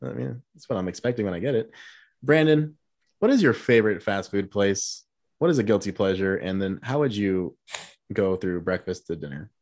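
A young man in his twenties hosts a casual talk among friends. His voice sits low and the sound is dry, with no room around it. He rambles loosely, swears freely and fills pauses with "uh" and "like.". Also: expressive, darkish tone, dry recording. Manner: loose, profane, rambling with fillers and laughs. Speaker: podcast host. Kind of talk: casual chat.

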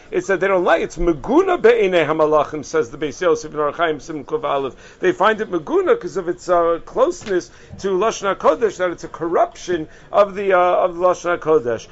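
Guy with a high voice teaching a torah class, chatty, lots of uhs, kinda muffled audio. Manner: explains conversationally with frequent "uh" and restarts, mixing Hebrew terms. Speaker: rabbi giving a short halachic lesson. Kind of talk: casual Torah lesson podcast.

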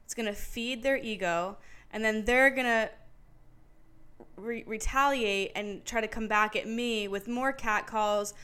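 A woman in her late twenties hosting a podcast, telling a story in casual chat, candid and profane, growing louder and more heated as she recounts it. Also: a little high, unhurried, clean tone. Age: late 20s. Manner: candid and profane, retelling with emphatic repetition. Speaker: podcast host. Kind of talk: casual solo storytelling monologue.

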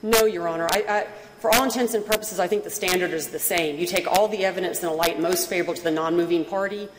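A woman with a low voice argues as a lawyer in a formal, measured and deferential way. The room is very reverberant, with faint noise. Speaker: appellate lawyer. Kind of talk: formal oral argument. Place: courtroom. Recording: very echoey hall, faint noise.

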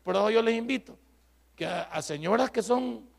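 Gravelly preacher in a hall. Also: male voice, sits high, moderate pace. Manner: storytelling preacher, acts out dialogue, rises to shouts. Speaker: pastor. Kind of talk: sermon.

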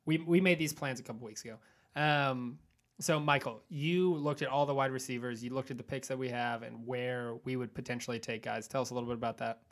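A man's voice: mid-range voice, steady tone, fairly quick. Male podcast host, playful, steers the chat. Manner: teasing, upbeat, leads the segment. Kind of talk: casual sports chat.

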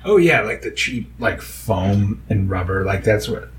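A man in casual chat, tossing in quick jokes. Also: lowish voice, lively intonation, rough recording. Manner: joking, quick quips.

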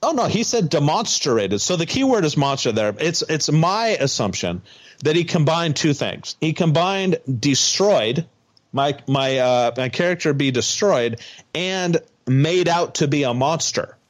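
Higher-voiced man recapping a show. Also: a little slow. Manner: animated recapping with frequent ums and restarts. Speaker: podcast co-host. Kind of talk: casual chat.

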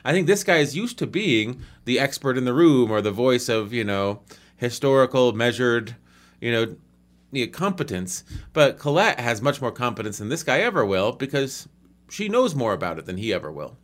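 Guy talking through a movie with a friend, mid-pitched, gets animated, does little voices for people. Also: moderate pace. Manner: animated, acts out quoted people. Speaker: co-host discussing a film. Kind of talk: casual chat.

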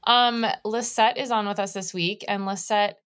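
A woman's voice: medium pitch, steady tone, moderate pace, fairly bright tone, clean tone. A woman in her thirties co-hosting a podcast, chatting casually and informally in a rambling way as she introduces a guest. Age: 30s. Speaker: podcast co-host.

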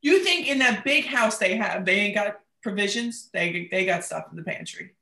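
A woman's voice: medium pitch, animated, moderate pace, gravelly, bright, forceful tone. An American woman chatting casually in a playful, colloquial way. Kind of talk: casual chat. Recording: echoey room sound.

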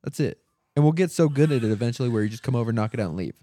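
A man's voice: mid-range voice, animated, rapid-fire, dark tone, a little hiss or hum. A young man hosting a casual podcast from a couch at home, rambling and joking crudely. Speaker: podcast host. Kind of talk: casual chat. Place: living room couch.

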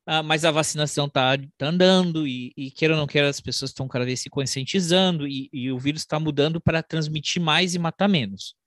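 A man's voice: on the high side, a bit bright, no room sound, studio quality. A man talking casually about politics and the year ahead, stopping and restarting his sentences often. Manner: halting, many restarts and repeated words. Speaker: podcast co-host.

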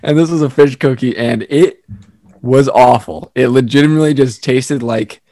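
A man's voice: medium pitch, moderate pace, no echo, clean studio sound. A young man co-hosting a podcast, chatting casually and laughing often as he tells stories. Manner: laughs often, animated storytelling. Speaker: podcast co-host. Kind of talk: casual chat.

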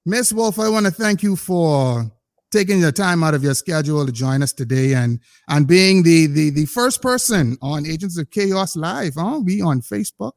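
Animated man hosting a podcast. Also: on the high side. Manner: animated, playful, drawn-out emphasis. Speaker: podcast host. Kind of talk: casual podcast chat.

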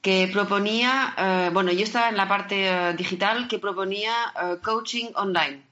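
Bright-voiced woman, hesitant non-native speaker. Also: medium pitch, moderate pace, lo-fi sound. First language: not Spanish. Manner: hesitant, searching for words in Spanish. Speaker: podcast guest. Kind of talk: casual conversational interview.

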